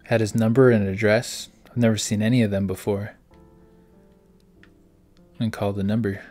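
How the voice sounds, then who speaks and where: A man's voice: lowish voice, little pitch movement, normal speed, a little mellow, soft background music. A man, the host of a gaming channel, playing through a story game, reading its text aloud and reacting in puzzled asides. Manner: reads dialogue aloud in a plain voice between puzzled asides.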